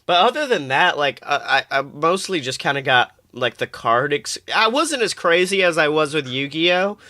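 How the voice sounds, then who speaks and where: Swinging widely in pitch, this American co-host's sharp, mid-range voice moves at a moderate pace through profane, jokey, meandering anecdotes. It's a casual comedy podcast conversation with a dry recording.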